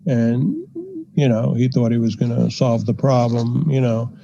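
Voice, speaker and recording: Older man, gravelly voice, mellow tone, measured storytelling, frequent fillers. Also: medium pitch, steady tone. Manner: measured, anecdotal, frequent "you know" fillers. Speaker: psychiatrist guest. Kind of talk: storytelling in a podcast interview. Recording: dull lo-fi podcast audio.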